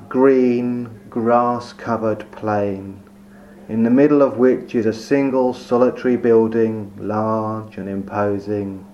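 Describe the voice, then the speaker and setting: A soft-spoken man of medium pitch leads a guided meditation, speaking slowly and soothingly with long pauses. The recording is dull and lo-fi, with a faint hum.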